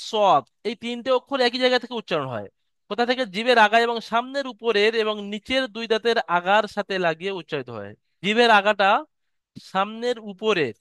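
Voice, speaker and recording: High-voiced man teaching letter sounds. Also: fairly bright tone, clean tone, no room sound, clean studio sound. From West Bengal, India. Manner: patient, repeats letters slowly for students to copy. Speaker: Quran recitation teacher. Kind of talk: online lesson on letter pronunciation. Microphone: video call.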